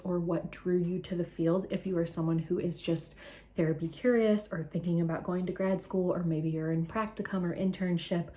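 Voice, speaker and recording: A woman's voice: fairly low pitch, warm tone. A young woman, a therapist hosting her own channel, talking in a chatty, earnest vlog, a little out of breath. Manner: chatty, earnest, filler-heavy. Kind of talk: casual talking-head vlog.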